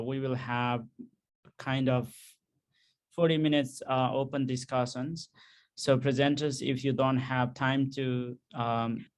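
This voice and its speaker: A man from Nepal hosting an online conference session, speaking with many pauses and fillers over a video call. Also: medium pitch. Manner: hesitant, many ums and uhs. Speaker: session host.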